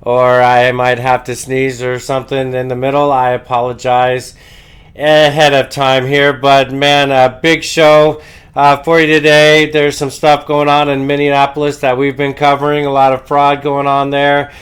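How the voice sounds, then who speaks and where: A man hosting a political show, giving opinionated news commentary while congested with a head cold, halting often with drawn-out uhs. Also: medium pitch, completely flat delivery, fairly bright tone, clean tone.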